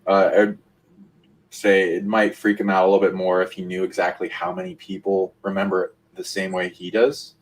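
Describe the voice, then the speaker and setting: A man with a low voice co-hosts a live stream. He rambles on in a speculative way, stringing his thoughts together with "you know" and "uh". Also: monotone, moderate pace, low-quality recording. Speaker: co-host. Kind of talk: casual live-stream talk.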